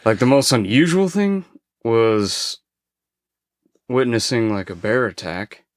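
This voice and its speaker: A man on a podcast, a former forest ranger, casually telling a story with frequent swearing and halting restarts. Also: mid-range voice, very animated, no room sound, studio quality.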